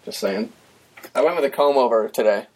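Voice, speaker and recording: A man's voice: medium pitch, big pitch swings, a little fast, vocal fry, a little mellow, rough recording. A man chatting as a guest on a podcast, talkative and laughing often. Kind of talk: casual chat.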